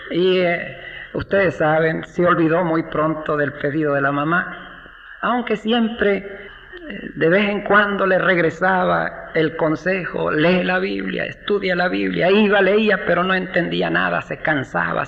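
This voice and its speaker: A man preaching a sermon, telling a story and acting out the voices of the people in it, slowing down for emphasis. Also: high voice, creaky. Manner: slows down for emphasis, acts out quoted voices. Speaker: pastor. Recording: dull lo-fi sound with faint noise.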